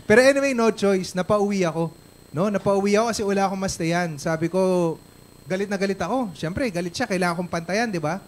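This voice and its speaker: A man's voice: high-pitched, a little fast. Chatty Filipino man telling a story. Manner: chatty, tags lines with "no?" and "di ba?". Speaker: guest speaker at a company event. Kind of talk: storytelling testimony on stage.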